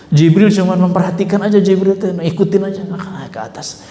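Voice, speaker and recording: A man with a Sundanese accent preaching a sermon, telling a story with lively acted-out voices and often addressing the listeners directly. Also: high-pitched, a little fast. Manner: animated storytelling, acts out quoted voices, addresses audience as Pak. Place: mosque hall. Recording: echoey mosque hall.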